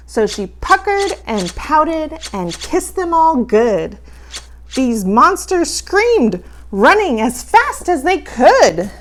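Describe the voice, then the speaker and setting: Female horror host for children's storytime: campy, playfully spooky, higher-pitched, highly animated storybook read. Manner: dramatic, playfully spooky, drawn-out delivery.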